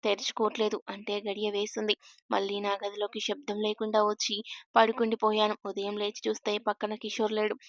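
A woman narrating a first-person story in a steady, even storytelling voice. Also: mid-range voice, a little fast.

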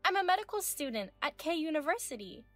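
A woman's voice: sits high, very animated, fast talker, fairly bright tone, dry recording, faint music behind, voice pushed up. A woman voicing a smug young female medical student in her twenties who mocks and talks down to an older wife. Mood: taunting. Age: 20s. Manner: mocking, condescending.

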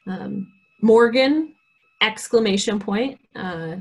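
A woman presenting a career skills workshop, explaining points and often pausing with "um". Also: mid-range voice, breathy edge. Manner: frequent "um" fillers, reads example emails aloud. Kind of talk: online workshop lesson.

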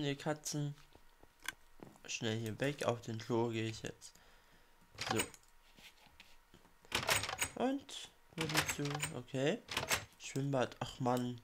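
Slow-talking man with a cold, gaming. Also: mid-range voice, background noise. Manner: chatty, mutters reactions to himself while playing. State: has a cold. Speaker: let's play gamer. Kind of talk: casual game commentary.

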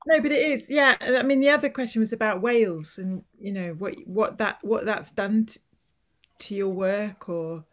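Woman, interviewer, soft trailing questions, casual. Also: medium pitch, normal speed. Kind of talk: casual conversation.

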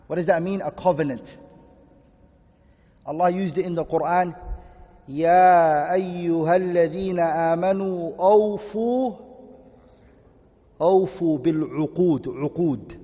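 A man teaching a class, repeating key terms slowly and checking with questions whether everyone follows. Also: fairly high pitch. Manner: quizzes students with repeated questions. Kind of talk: classroom lesson. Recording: dull distant audio in echoey room.

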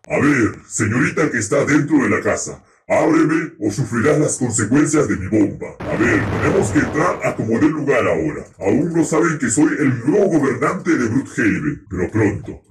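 A man's voice: mid-range voice, close to an everyday voice. A man voicing a grandiose, bossy ruler, scolding his sidekick and panicking when threatened in a game roleplay. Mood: menacing. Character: self-proclaimed boss, grandiose conqueror. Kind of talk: roleplay commentary in a video game. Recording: roomy echo, faint noise.

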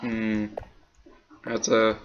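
A man's voice: on the low side, completely flat delivery, very slow, lo-fi sound. A man gamer in casual gaming chat, dry and teasing. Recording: noisy home mic.

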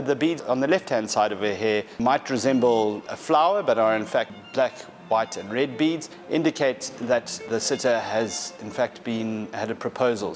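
A man in his thirties, an art specialist, gives a gallery presentation in a large hall, talking through the paintings. His medium-pitched voice is measured and explanatory, with frequent fillers and restarts.

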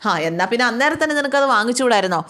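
Brief: woman doing an elderly grandmother, fussing and scolding, slightly higher voice. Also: animated, rapid-fire, a bit bright. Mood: chiding. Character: older grandmother, scolding but caring.

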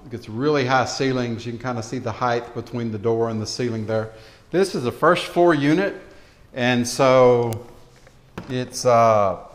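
A man narrating a casual walkthrough tour of an empty apartment as a leasing agent, matter-of-fact with frequent fillers, recorded on the camera while walking room to room. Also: mid-range voice. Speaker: real estate leasing agent.

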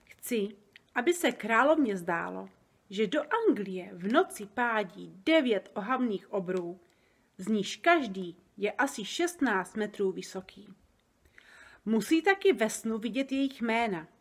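A woman's voice: mid-range voice, animated, slightly rough. A woman reading aloud and voicing a bold, eager little girl who presses with questions. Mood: insistent.

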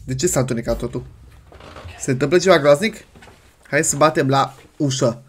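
A man hosting a reaction video, giving casual, excitable commentary with jokes and exclamations. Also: mid-range voice.

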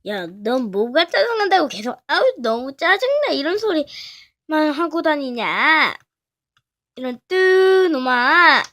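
A woman voicing a short-tempered bossy girl who scolds loudly. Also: high-pitched, very animated, slow, heavily acted. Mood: scolding. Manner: scolding, loud.

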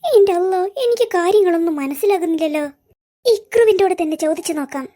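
A voice artist playing a loud, muddled middle-aged cartoon auntie, who stammers when flustered. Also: extremely high pitch, quick pace. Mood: confused. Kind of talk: cartoon voice acting.

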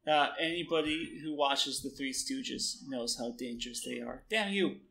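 A young man giving relaxed, halting commentary while he plays a game, with plenty of fillers. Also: mid-range voice, creaky. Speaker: gamer. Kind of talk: casual let's-play commentary.

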